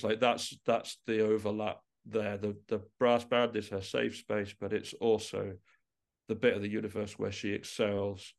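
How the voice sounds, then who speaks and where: Speaking with fairly low pitch and vocal fry, a musician guest gives a reflective interview, pausing haltingly and frequently rephrasing mid-sentence.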